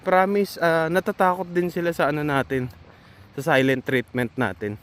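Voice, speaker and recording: A man's voice: fairly high pitch, fairly even intonation, normal speed. A Filipino man giving casual, earnest advice to fellow nurses in a vlog, reassuring and full of hesitant fillers.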